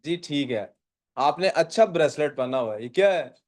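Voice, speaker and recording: In a classroom lecture, an animated physics teacher whose voice is a little high for a man reads each question slowly in English and then explains it in Urdu. He keeps checking in, asking students for the answers.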